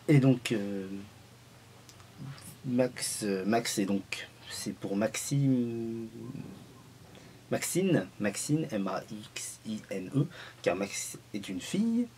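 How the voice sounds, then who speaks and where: A man's voice: mid-range voice, slight background noise. A man vlogging at home in a casual, joking film review, rambling and restarting his sentences often.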